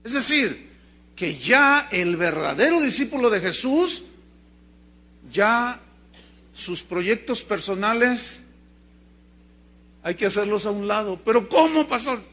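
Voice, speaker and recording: A middle-aged pastor with a Mexican Spanish accent preaches a lively sermon and acts out the voices in his stories. His voice sits high for a man and sounds bright and keen. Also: takes it slowly, long pauses. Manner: lively storytelling preacher, acting out dialogue.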